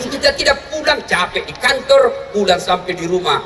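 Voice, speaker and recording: Bright high-voiced preacher, shouting to a crowd. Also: male voice, normal speed, faint music behind. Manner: animated, shouting, mock-scolding. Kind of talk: comic sermon to a large crowd. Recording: echoey hall from far off with crowd.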